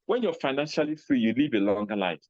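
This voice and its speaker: A man with a Nigerian accent giving a motivational talk, animated, acting out little scenes in a raised voice. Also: medium pitch, fast talker, dry recording, lo-fi sound. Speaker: speaker on personal finance.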